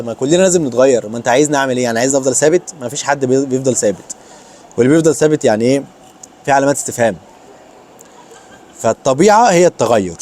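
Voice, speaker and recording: A young man with an Egyptian accent, giving casual advice in his vlog and mixing English words into his speech. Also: medium pitch. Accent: Egyptian Arabic. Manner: rapid, animated, mixes English words into Arabic. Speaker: vlogger.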